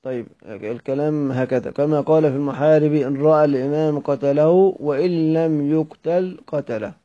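A man teaching from a classical book, reading it aloud in a measured way and going back to repeat or correct words. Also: fairly high pitch, mellow. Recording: dull lo-fi recording.

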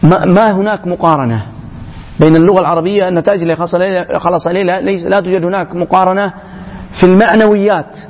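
A man giving an emphatic public lecture to young people, often pausing and restarting mid-phrase. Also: high-pitched, fairly even intonation. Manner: emphatic, halting, with frequent restarts. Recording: echoey hall, dull lo-fi sound.

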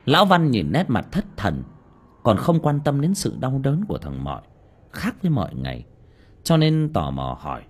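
Husky-voiced man narrating a horror story. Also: medium pitch, normal speed. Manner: dramatic, expressive storytelling. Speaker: audiobook narrator.

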